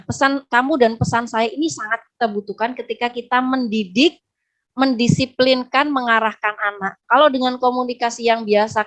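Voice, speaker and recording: A woman giving a lively talk to parents in a webinar, often acting out how children and parents speak. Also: fairly high pitch. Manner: lively, acts out child and parent voices in quotes. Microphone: close mic, online webinar.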